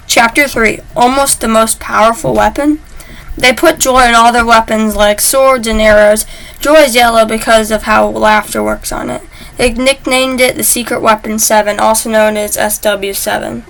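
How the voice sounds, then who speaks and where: A woman's voice: a little high, fairly even intonation, normal speed, creaky, fairly bright tone, low-quality recording. A woman casually telling a made-up story, chatty and stumbling over words as she goes. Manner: chatty, stumbles and restarts mid-word.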